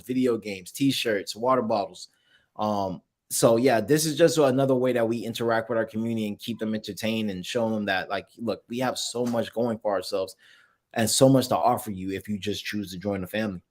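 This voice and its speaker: A man on a video call answers questions in a relaxed way. His voice has a mid pitch and comes through a connection that drops out now and then. He often stops partway through a phrase and starts it again. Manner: halting, restarts phrases with many fillers. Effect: video call audio with dropouts. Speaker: guest, founder of a collectibles project. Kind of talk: casual interview answers.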